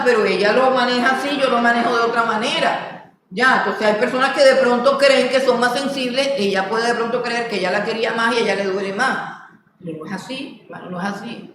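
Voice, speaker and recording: Colombian woman teaching in an echoey hall. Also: fairly high pitch. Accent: Colombian Caribbean. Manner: animated, acts out quotes with laughter. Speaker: Bible class teacher. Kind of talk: teaching a Bible class. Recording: echoey hall, voice from far off, noisy.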